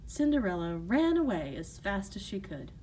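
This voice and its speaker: Animated woman telling a fairy tale. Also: medium pitch, moderate pace, soft background music, rough recording. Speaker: storyteller. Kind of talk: fairy tale storytelling narration.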